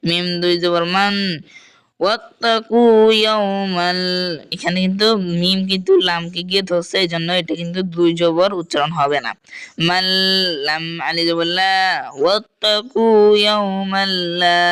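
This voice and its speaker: Bengali male Quran tutor, crisp clear voice, dry close sound, spells out letters then stretches syllables. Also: sits high, bright, forceful tone, no room sound. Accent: Bangladeshi Bengali. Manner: drawn-out recited syllables between quick explanations. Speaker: Quran recitation teacher. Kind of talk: spelling out Arabic letters and vowels, then reciting slowly.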